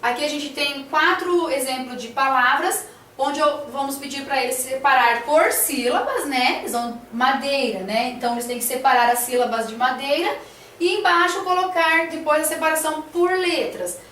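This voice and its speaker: High-pitched lady walking through a lesson plan, lots of ums and né's, echoey room, sounds far off. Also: moderate pace, a bit bright, slight background noise. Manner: hesitant, many fillers and "né?" tags. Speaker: teacher presenting a lesson plan. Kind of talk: explaining a classroom lesson plan.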